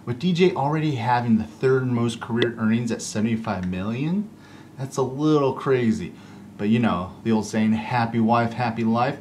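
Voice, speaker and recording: A man's voice: mid-range voice, normal speed, a little mellow, slight background noise. A man hosting a joking golf news rundown in a sarcastic, wisecracking manner.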